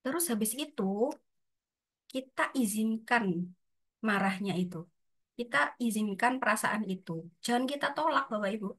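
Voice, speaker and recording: Woman trainer, chatty, talks to her audience a lot, slightly high voice, online workshop. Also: moderate pace, pauses often, fairly bright tone. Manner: chatty, addresses audience often, acts out inner voices.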